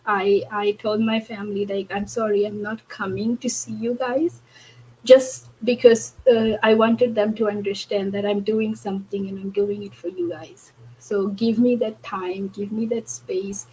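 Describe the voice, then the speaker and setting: A woman's voice: medium pitch, flat delivery, unhurried, dark tone, slightly rough, low-quality recording. A woman from Fiji, telling her own business story on a panel in an earnest, candid way, with many fillers. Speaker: online business owner on a panel. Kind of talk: personal story in a panel discussion.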